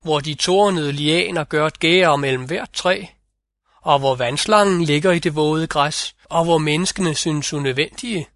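A man doing the wild West Wind, raised and slow. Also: on the high side, a bit bright, no room sound, studio quality. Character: wild rugged male West Wind spirit. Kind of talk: audiobook fairy-tale reading.

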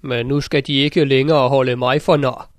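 Old fairy-tale tailor, quick to rage, barks his scolding, read by a male narrator in a flat mid voice. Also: mid-range voice, no echo, clean studio sound, close to an everyday voice. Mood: furious. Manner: scolding outbursts. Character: quick-tempered old tailor, father of three sons. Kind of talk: storybook narration.

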